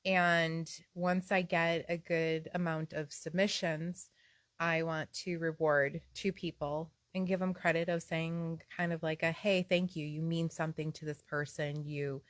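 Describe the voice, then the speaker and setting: A woman's voice: low voice, little pitch movement, unhurried, no room sound. A woman co-hosting a casual home podcast, chatting and teasing her husband in a rambling way. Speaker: podcast co-host. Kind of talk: casual couple banter. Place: at home on a Sunday.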